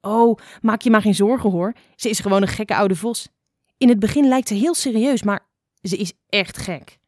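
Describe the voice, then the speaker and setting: A woman's voice: medium pitch, darkish tone, no room sound, studio quality, lightly acted. A woman voicing a cheeky, chattering songbird who pleads in a hurry. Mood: anxious. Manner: hurried, anxious pleading.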